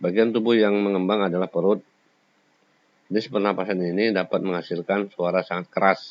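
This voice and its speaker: This is a deep male voice, flat in delivery and fairly quick. In a classroom lecture he explains each point in turn, occasionally singing short examples, and the sound is slightly dull and lo-fi.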